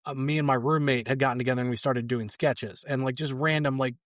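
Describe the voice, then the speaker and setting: A young man talks through his comedy stories in a loose, rambling way, filling gaps with ums and likes. His voice sits at a middling pitch. The recording is dry and close, with no room sound. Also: fairly even intonation, fast talker, no echo. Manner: loose, rambling delivery with frequent fillers. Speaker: guest comedian. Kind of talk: casual anecdotal storytelling.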